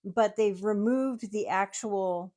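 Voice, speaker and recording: An American woman, a tiki mug collector, is a guest in a casual show-and-tell chat, describing her collection at length and laughing often. Her medium-pitched voice is slow and dark in tone.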